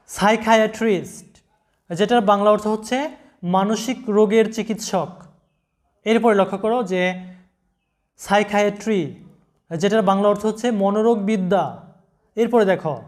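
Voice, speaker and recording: A man giving a slow, deliberate vocabulary lesson, spelling out letters and repeating each word. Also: sits high. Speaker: English pronunciation teacher.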